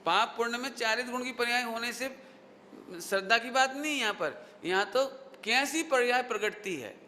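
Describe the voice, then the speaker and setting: A man with a high, bright, ringing voice preaches to a seated crowd and keeps firing questions back at his listeners. He repeats key phrases on purpose so they stick. His voice echoes through a large hall over a faint hiss. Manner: drills the audience with repeated rhetorical questions. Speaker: Jain scholar giving a lecture. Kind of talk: sermon with questions to the audience.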